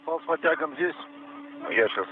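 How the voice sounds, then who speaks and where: A man calls out short working commands over a thin, crackly space radio link, the sound narrow like an old communicator. His voice sits a bit high and swings about, with a gravelly roughness. Clear static hisses beneath every word. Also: animated, moderate pace. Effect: crackly space radio link from a suit. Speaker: cosmonaut on a spacewalk. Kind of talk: terse radio callouts during a task.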